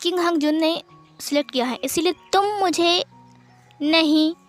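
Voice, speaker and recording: A woman's voice: very high voice, normal speed, faint music behind. A woman voicing a flustered young man who stammers when scared, in a storybook reading. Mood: defiant.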